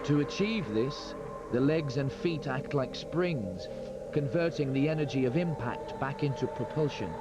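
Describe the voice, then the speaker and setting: A man reading scripted nature documentary narration in a measured, explanatory way, heard from a worn VHS tape copy. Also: medium pitch. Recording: dull lo-fi tape with loud music behind. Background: loud music score.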